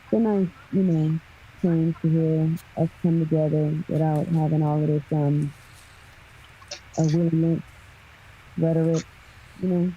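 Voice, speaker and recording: A woman's voice: sits low, a little slow, long pauses, slight background noise. A woman calling into a live panel and chatting casually with lots of hesitant ums. Her phone mic makes her sound muffled and underwater. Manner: relaxed, hesitant with many ums. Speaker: panel caller. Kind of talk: casual call-in chat. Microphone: phone on a livestream call. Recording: muffled, tinny phone line.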